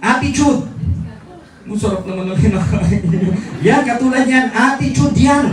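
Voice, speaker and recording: High-voiced man addressing a crowd. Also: moderate pace. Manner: teasing, jokes with the crowd, asks rhetorical questions. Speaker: motivational speaker for distributors. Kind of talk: live motivational seminar talk mixing Tagalog and English. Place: large indoor event hall. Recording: echoey hall from far off, faint crowd. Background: faint audience noise.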